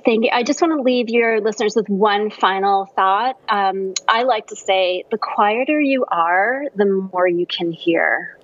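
Lady doing a breathy new-age radio caller, airy and earnest, dull lo-fi line. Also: mid-range voice, measured pace, hardly any pauses, no room sound. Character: dreamy new-age woman caller, earnest wellness devotee.

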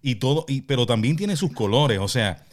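A man's voice: mid-range voice, animated, moderate pace. A Puerto Rican man hosting a casual conversation, asking questions and steering the talk. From Puerto Rico. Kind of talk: casual chat.

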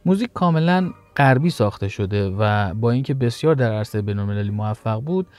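A man's voice: lowish voice, lively intonation, darkish tone, soft background music. A man narrating a history story in a casual, conversational way, stepping aside now and then to explain things to his listeners.

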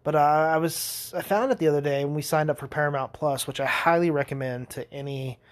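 A man's voice: fairly high pitch, brisk. A young man hosting a podcast, telling rambling stories in a casual monologue, swearing a lot and laughing as he goes. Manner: rambling, profane, laughing storyteller. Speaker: podcast host.

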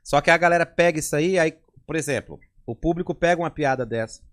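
A Brazilian man, a comedian, chatting casually on a podcast and telling bawdy jokes in an animated way. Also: fairly high pitch, fast talker. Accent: Brazilian Portuguese. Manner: animated, jumps into lewd joke voices. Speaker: comedian guest.

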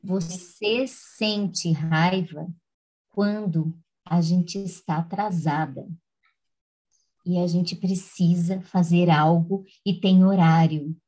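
A woman's voice: on the low side, fairly even intonation, slow pace, mellow, low-quality recording. A woman host talking in a chatty, reflective way. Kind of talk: casual chat.

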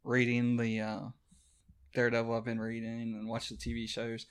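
Male podcast co-host, mid-pitched, loose and rambling, chatty. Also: completely flat delivery, moderate pace, clear, resonant tone. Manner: rambling, filler-heavy, laughs often. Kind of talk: casual chat.

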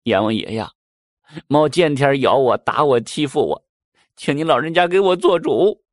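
A man's voice: medium pitch, huge pitch swings, quick pace, a bit bright, no room sound, studio quality, voice pushed up. A man voicing a sly, tearful male mouse who stammers out excuses. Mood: tearful pleading. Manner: stammering, pleading.

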